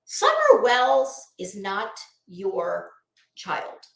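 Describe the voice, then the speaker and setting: A woman hosts a casual livestream, addressing viewers bluntly, sarcastically and scornfully while swearing freely. Her mid-range, gravelly voice swings hugely in pitch and draws out words. The recording is roomy and echoing.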